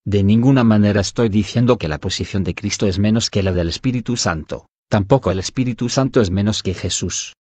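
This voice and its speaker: A man narrating a devotional audiobook in an even, measured reading style. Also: low voice, breathy edge, no room sound. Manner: even, measured reading that voices punctuation aloud.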